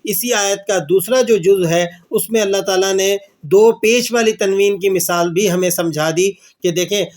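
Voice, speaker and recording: A man with a fairly high-pitched voice teaches the rules of Quran recitation. He poses questions and answers them himself, and slowly draws out the verses he recites as examples. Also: a little mellow. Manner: slow drawn-out recitation of verses. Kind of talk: tajweed lesson with recited examples.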